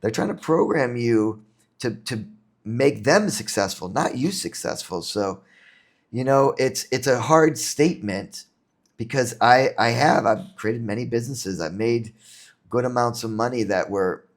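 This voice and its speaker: A man from New York with a mid-range voice and lively intonation talks a little slowly on a podcast, where he's a guest entrepreneur. The conversation is casual; he is earnest and reflective and tends to repeat words while thinking.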